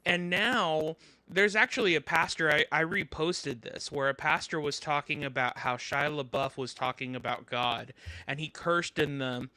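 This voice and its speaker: A man's voice: on the high side, normal speed, sharp tone, dry recording. A man talking in a casual podcast chat, rambling and restarting often while his microphone keeps cutting in and out with a loose cable crackle. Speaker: podcast co-host. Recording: dry close mic with a loose cable crackle.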